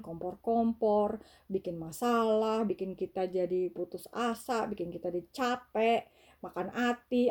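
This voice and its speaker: A woman's voice: mid-range voice, warm tone. A woman hosting a podcast, telling a personal faith testimony in a chatty way, full of fillers and mixed-in English words. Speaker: podcast host.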